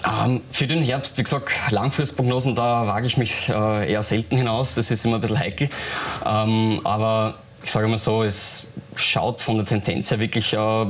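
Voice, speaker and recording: A man's voice: on the low side, steady tone, normal speed. A young man, a weather expert answering questions in a TV studio, hesitant with many fillers. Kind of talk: studio interview. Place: TV studio set.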